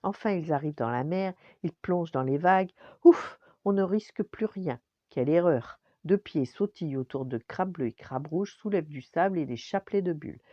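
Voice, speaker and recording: Older woman, low, animated bedtime storyteller; dry, slightly dull recording. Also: fairly quick, few pauses, dry recording. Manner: lively, expressive reading. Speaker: storyteller grandmother.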